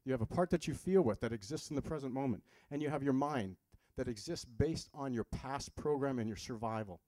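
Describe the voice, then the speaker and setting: A man's voice: mid-range voice, brisk, a little mellow, no echo. Chatty male seminar speaker, dry sound. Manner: conversational, asks the audience questions, drops jokes. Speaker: health practitioner giving a seminar. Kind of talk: live seminar talk to an audience.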